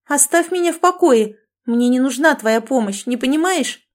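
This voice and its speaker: A woman's voice: fairly high pitch, moderate pace, darkish tone, pitched above the performer's own voice, natural voice. A woman voicing a young woman in love who protests and pleads defensively, in an audiobook.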